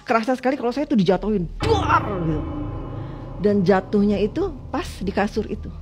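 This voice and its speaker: A woman from West Java, a guest telling her own experience in an emotional storytelling way. She swings between loud cries and hushed, lowered passages. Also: lively intonation, quick pace, over music.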